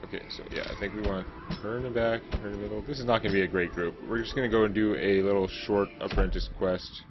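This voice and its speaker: A man's voice: on the low side, fairly even intonation, fast, dull audio. A man giving casual gameplay commentary as a let's play host, chatty and self-mocking as he thinks aloud. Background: game music.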